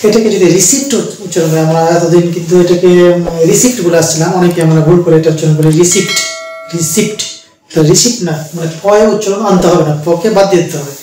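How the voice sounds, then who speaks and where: A man teaching an English pronunciation lesson, explaining slowly and repeating each word. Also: high voice, steady tone, mellow, heavy reverb, distant mic, low-quality recording. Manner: slow, repetitive explaining with fillers.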